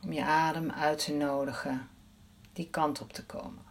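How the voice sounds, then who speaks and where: A woman leading a guided breathing meditation in a soft, soothing voice, counting the breaths aloud. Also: low voice, fairly even intonation, moderate pace.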